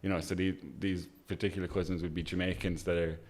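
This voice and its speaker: A man's voice: deep voice, level tone, fast talker, a little mellow. A man hosting a casual interview, talking in an informal, discursive way and checking that he is being followed. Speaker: podcast host.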